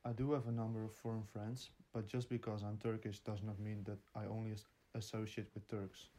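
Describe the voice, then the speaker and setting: A man's voice: lowish voice, flat delivery, fairly quick, dark tone. A nineteen-year-old man from the Netherlands, answering interview questions in plain, earnest sentences. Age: teens.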